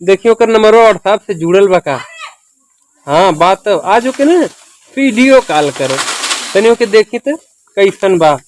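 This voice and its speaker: A man's voice: sits high, expressive, measured pace, pauses often, a little hiss or hum, poor audio. A man playing a smitten village lad with a Bhojpuri accent. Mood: curious. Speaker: young man in a love skit. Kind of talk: amateur short drama acting.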